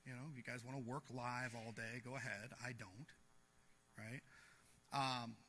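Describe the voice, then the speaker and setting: A man giving a blunt, animated marketing seminar talk to a live audience, acting out the people he quotes. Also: mid-range voice, measured pace. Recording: echoey hall.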